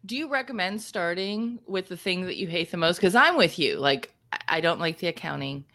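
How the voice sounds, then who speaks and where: A woman's voice: on the low side, animated, brisk, fairly bright tone. A woman from Ohio hosting a podcast interview, upbeat and conversational, laughing often with her guest. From Ohio, USA. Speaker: podcast host.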